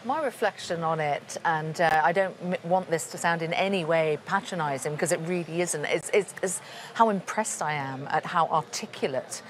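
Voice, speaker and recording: A man presents a live television news segment, interviewing a guest in a relaxed, conversational manner. He leans on tag questions and trips over repeated words now and then. A faint background hum runs underneath. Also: a little high, normal speed.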